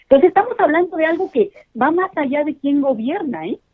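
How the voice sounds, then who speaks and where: A woman's voice: sits high, lively intonation, a little fast. A woman speaking as an expert guest in a phone-in interview, emphatic and explanatory, talking straight to the listeners. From Mexico. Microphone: telephone. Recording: tinny phone line.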